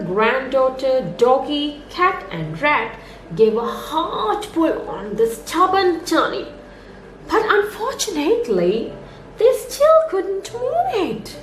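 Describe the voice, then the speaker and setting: With a high voice, a woman acting as a nursery storyteller reads a children's story in an expressive, sing-song way for young kids. Music plays beneath her, and the room adds an echo.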